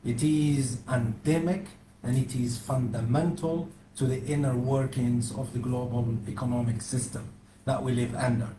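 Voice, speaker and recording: Man from Algeria, panel speaker; firm, declarative delivery, warm tone, faint background hiss. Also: medium pitch, fairly even intonation, moderate pace. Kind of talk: panel talk. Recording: echoey room, faint noise.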